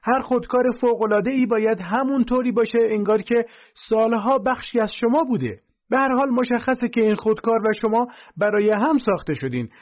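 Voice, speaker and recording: A man voicing a smug young male salesman with a high squeaky voice, giving an overeager hard-sell pitch in an audiobook. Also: sing-song, dull audio. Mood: eager, pushy.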